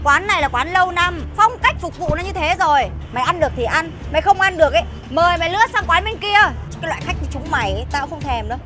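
A woman's voice: extremely high pitch, expressive, fast talker, few pauses. An actress playing a rude, bullying noodle shop owner who insults her customers in a web sitcom. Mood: scornful. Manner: scornful, insulting, bossy. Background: background music.

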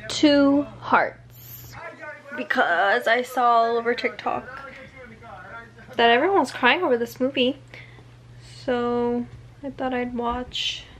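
A woman in her twenties chatting casually to a handheld camera in a car and a small kitchen, relaxed and giggly, slipping in Korean words. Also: high-pitched. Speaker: vlogger. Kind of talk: casual vlog chat. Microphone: handheld camera close to face. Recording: noisy handheld camera audio.

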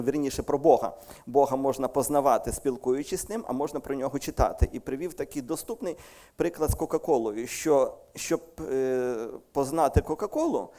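A man's voice: mid-range voice, dark tone. A man with a Ukrainian accent preaching a sermon to his congregation in a church hall, talking conversationally, correcting himself and joking lightly. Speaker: pastor.

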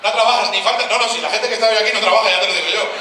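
A fast, high-voiced man does brash stand-up, teasing the audience and swearing as he goes. He is picked up from a distance, and his voice rings through a very echoey live space over steady crowd noise. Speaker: stand-up comedian. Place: outdoor town festival stage.

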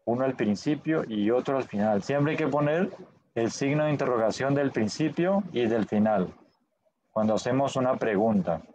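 A man leads an online Spanish class over a video call. His voice sits at an average pitch, and his delivery is patient, with frequent short check-in questions. A faint background noise runs under the recording. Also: moderate pace, darkish tone, dull audio. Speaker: Spanish teacher.

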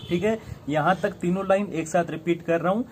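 A man teaching a flute lesson online, friendly and encouraging, who sings the note names out slowly for students to follow. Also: high voice, a little mellow, a little hiss or hum.

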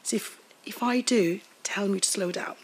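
A woman's voice: mid-range voice, a little slow, a little hiss or hum, poor audio. A woman from Africa, giving a workshop talk in a seminar room at a desk mic, thoughtful with frequent fillers and repeated words. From South Africa. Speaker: workshop presenter. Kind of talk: academic talk. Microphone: desk microphone.

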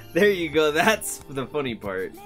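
A young man hosting a reaction video in casual chat from a small room. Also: medium pitch. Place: small wood-panelled room indoors.

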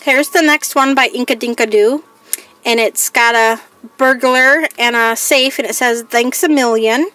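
A woman's voice: a little high, unhurried, bright, forceful tone. A woman crafting vlogger chatting casually through a haul, reading each item aloud in a plain, listing way. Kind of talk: casual haul show-and-tell.

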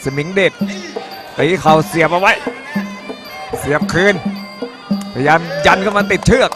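A man's voice: high voice, unhurried, crowd noise. A man calling a Muay Thai fight live in short, punchy phrases that he often repeats. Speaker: ringside Muay Thai commentator. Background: music.

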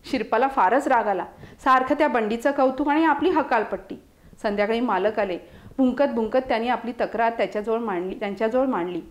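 A woman from Mumbai, India, reading a children's story aloud in a lively way and giving each character a voice. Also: fairly high pitch, brisk. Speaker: storytelling contestant. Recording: roomy echo.

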